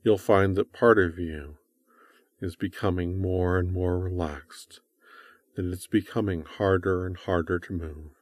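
Male hypnotist, deep voice, very dry close recording, soothing and repetitive, coaxing the listener through an induction. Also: fairly even intonation, unhurried, dry recording.

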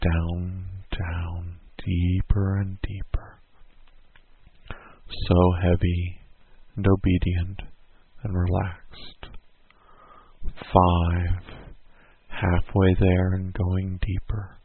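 A man slowly guiding a listener through a hypnosis induction in a soothing, repetitive way. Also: low-pitched, monotone, a little hiss or hum. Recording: tinny phone-like sound.

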